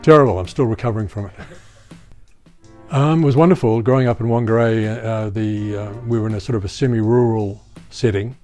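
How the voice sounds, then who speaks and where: A man's voice: fairly low pitch, a little fast, darkish tone, faint music behind. A man in his seventies with a New Zealand accent, fondly recalling his childhood in an interview. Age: 70s. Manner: fond, reminiscing with fillers. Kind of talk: documentary interview.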